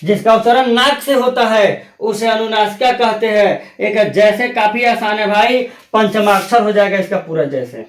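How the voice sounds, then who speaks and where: A man's voice: high voice, moderate pace, hardly any pauses. A male teacher giving a grammar lesson, repeating key terms and quizzing his students with questions. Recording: echoey room.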